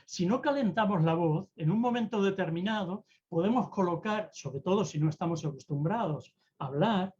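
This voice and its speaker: A presentation-skills mentor gives an online talk about public speaking, theatrically shifting tone and pace on purpose. The voice is medium-pitched and a little mellow, with lo-fi sound.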